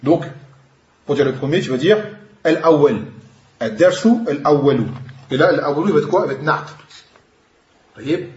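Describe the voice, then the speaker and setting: A man's voice: a little high, moderate pace, pauses often, a little mellow. A man teaching an Arabic grammar lesson, explaining patiently and mixing in Arabic terms. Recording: echoey room, dull lo-fi sound.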